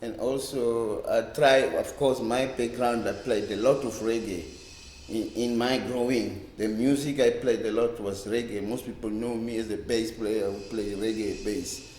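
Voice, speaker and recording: With a lowish, darkish voice and fairly even intonation, this South African man in his fifties, a reggae bass player from a Cape Town township, rambles haltingly and repeats words. The casual oral-history interview takes place in a library room, sounding roomy and echoey with slight hiss or hum.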